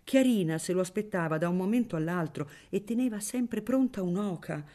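Audiobook narrator, expressive, very lively intonation, storytelling. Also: mid-range voice, brisk. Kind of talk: audiobook reading of a novel.

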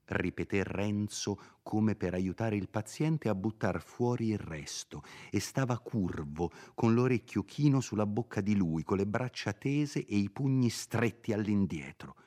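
A man narrating a classic novel as an audiobook in a measured, unhurried reading. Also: on the low side, expressive, dark tone.

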